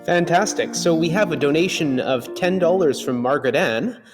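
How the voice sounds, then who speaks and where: Man in booming cathedral echo. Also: moderate pace, music in the background. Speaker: donation reader and commentator at a speedrun event. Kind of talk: live stream donation reading. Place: large church sanctuary, indoors. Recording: long booming echo of church sanctuary.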